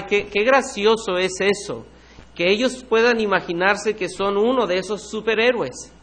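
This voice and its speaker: A man with a notably high-pitched voice preaches a morning sermon to his congregation. He speaks earnestly and keeps asking them searching questions. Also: a bit bright. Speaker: pastor. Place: church.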